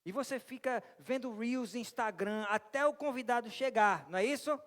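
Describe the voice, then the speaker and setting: Um pastor brasileiro pregando e fazendo perguntas à congregação, com um jeito animado e bem-humorado. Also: male voice, extremely high pitch, normal speed. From Brazil. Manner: lively, asks the congregation questions and jokes with them. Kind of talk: interactive sermon. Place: church hall. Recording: long church reverb.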